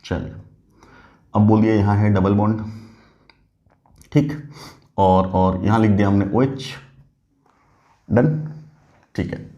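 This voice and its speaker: A man's voice: lowish voice, little pitch movement, slow pace, pauses often, mellow, dull audio. A man teaching a chemistry lesson, asking questions and answering them himself, praising the students as he goes. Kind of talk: classroom lecture.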